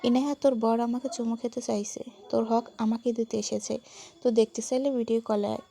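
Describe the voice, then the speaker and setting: A man's voice: extremely high pitch, flat delivery, brisk, gravelly, dark tone. Woman doing a cheeky, teasing young man. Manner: mocking, playful, teasing.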